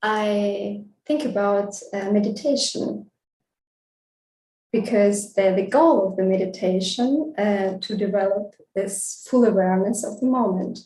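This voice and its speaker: A woman's voice: mid-range voice, unhurried, dark tone, a little hiss or hum. A woman who grew up in Russia and Vietnam, giving a thoughtful festival talk on street photography with frequent hesitant fillers. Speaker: guest speaker, street photographer. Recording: echoey room, distant mic.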